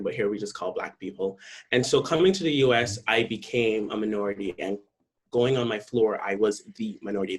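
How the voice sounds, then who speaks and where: A man in his twenties from Barbados, telling his story in a measured, reflective way over a video call. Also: fairly low pitch. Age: 20s. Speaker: interviewee.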